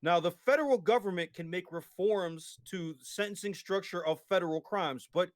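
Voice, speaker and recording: A man with a somewhat high voice lays out his point in a long, casual debate. He keeps restarting his sentences and checking in with "right?" as he goes. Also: normal speed. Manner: explains at length, many restarts and tag questions. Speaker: guest.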